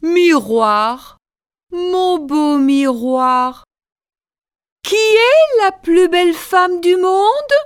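A woman voicing a vain, jealous, wicked queen in a slowly read storybook. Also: very high-pitched, expressive, dry recording, studio quality, exaggerated voice. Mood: haughty. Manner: slow, carefully articulated storybook reading.

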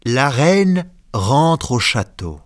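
A man narrating a fairy tale slowly, with careful, expressive reading. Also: medium pitch, no echo, studio quality. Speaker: storyteller. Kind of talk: slow storybook narration.

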